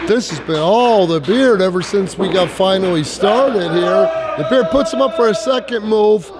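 A man's voice: high voice, normal speed. A man doing live play-by-play commentary on a pro wrestling match in a folksy, wry way. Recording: noisy live event hall ambience.

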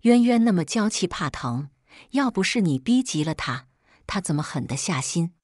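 An icy, contemptuous young tycoon, read by a woman narrator. He speaks low and flat-toned in a dry, close recording. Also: normal speed, no echo. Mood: cold. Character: cold, scornful young male tycoon.

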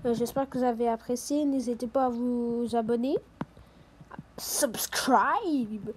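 A woman commentating her own online game as channel host, excitable and swearing when things go wrong. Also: on the high side, brisk. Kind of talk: live gameplay commentary. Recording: noisy home recording with clicks.

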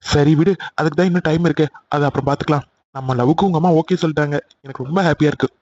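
A man's voice: a little high, steady tone, rapid-fire, darkish tone, lo-fi sound, slight background noise, voice pushed down, natural voice. A voice actor voicing an earnest, polite young man in love in a cartoon. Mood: happy.

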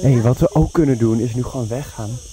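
A man in his twenties with a Netherlands Dutch accent, chatting casually and excitably in slangy vlog style. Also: medium pitch, brisk, slight background noise. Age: 20s. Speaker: vlogger. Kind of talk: casual vlog chat during a game of hide-and-seek. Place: large villa, moving between rooms and outdoor terrace. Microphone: handheld camera at arm's length.

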